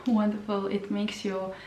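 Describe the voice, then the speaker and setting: Slow, hesitant woman in a roomy space. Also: mid-range voice, monotone, noisy background. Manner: slow, hesitant, repeats words. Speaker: beauty vlogger. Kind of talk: product review and swatches. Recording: roomy sound from a distance.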